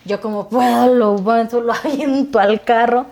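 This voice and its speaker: A woman's voice: a little high, vocal fry. A woman, a guest telling stories about her son in a casual conversation, acting out the dialogue as she goes. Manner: fast animated storytelling, acting out dialogue.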